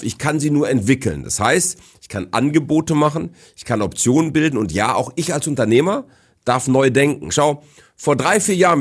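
Assertive husky middle-aged man. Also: medium pitch. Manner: assertive, declarative, lecturing. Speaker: guest, business speaker. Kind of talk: casual podcast conversation.

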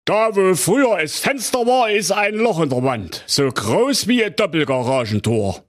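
A man's voice: high-pitched, big pitch swings, unhurried, pitched above the performer's own voice. A man doing a drawling, know-it-all police inspector. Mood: smug. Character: pompous, officious male police inspector. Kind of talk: comic audio fairy tale.

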